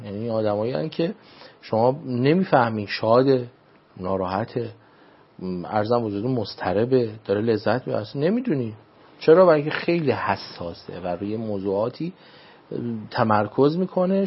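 A man speaking as a religious adviser on a talk show, in a formal, measured way, often repeating set phrases. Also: mid-range voice, animated, breathy edge, muffled recording. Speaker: religious speaker giving advice. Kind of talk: radio talk show guest.

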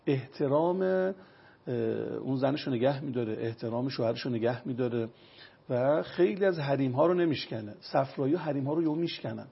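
In an interview, a traditional medicine consultant explains his points through everyday examples, lecture-style. He has a mid-range, gravelly and raspy voice with lively intonation, and the lo-fi recording sounds dull.

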